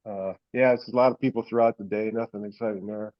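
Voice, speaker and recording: The audio is the dull, lo-fi sound of a conference call, where a man addresses fellow hobbyists. Quick and fairly even in intonation, his lowish voice carries a casual, rambling, folksy update.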